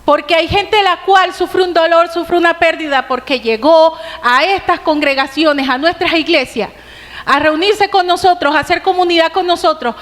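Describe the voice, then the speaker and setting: A woman preacher with a Colombian accent delivering an earnest sermon in a church, asking rhetorical questions and slowing for emphasis. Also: extremely high pitch, fairly bright tone. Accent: Colombian Spanish. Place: church hall. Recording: long reverb of a church hall.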